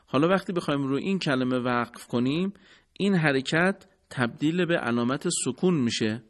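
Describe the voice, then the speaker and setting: A man teaching Quran recitation in a scripted radio lesson, formal and courteous, explaining step by step. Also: mid-range voice.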